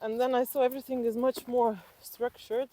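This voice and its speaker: A woman from Slovenia with a Slovenian accent, telling personal stories reflectively in conversation and haltingly thinking aloud as an interview guest. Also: fairly high pitch, flat delivery, warm tone, low-quality recording.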